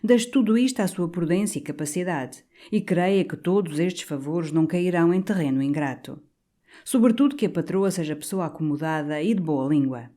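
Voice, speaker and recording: A woman voicing a polite young male priest, who makes his requests in a measured, earnest way. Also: a little high, animated, mellow, lightly acted.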